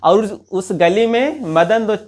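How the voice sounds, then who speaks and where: Taking it slowly, a man with a high-pitched, a little mellow voice and lively intonation teaches Hindi. He explains a textbook story line by line: reading a passage, retelling it in local dialect, then asking the listener questions.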